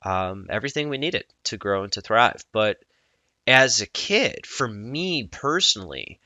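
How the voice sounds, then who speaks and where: A man speaking as a coach in a personal vlog, earnest and reflective, often halting mid-thought. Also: on the low side, very animated, bright, forceful tone, no room sound.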